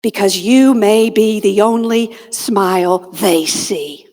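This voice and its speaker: Speaking into a stage mic in a large conference hall with long reverb, a Georgia-born woman with a Southern US accent gives a comic motivational keynote. Her voice is mid-range and darkish; a motivational speaker and comedian, she uses dramatic pauses, comic asides, and near-whispered key lines in her storytelling.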